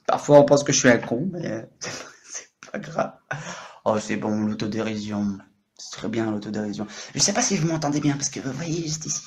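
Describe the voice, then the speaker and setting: A man's voice: fairly low pitch, normal speed, darkish tone. A man in his late thirties chatting on an improvised livestream, very talkative, jumping between topics, teasing his viewers and joking about himself. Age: 30s. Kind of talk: casual improvised livestream chat. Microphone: microphone.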